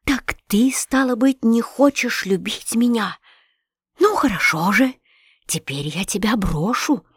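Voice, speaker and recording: A woman voicing a desperate, unstable father who speaks in a trembling, hushed whisper. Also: mid-range voice, expressive, measured pace, breathy edge, dry recording, clean studio sound. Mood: frantic whisper.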